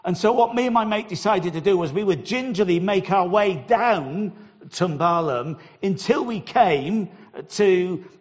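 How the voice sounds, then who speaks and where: A man's voice: sits high, lively intonation, unhurried, long reverb tail, highs cut off. A middle-aged Welsh man preaching a sermon, telling a personal story in a chatty way and often repeating his first words. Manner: conversational storytelling, repeats words when starting.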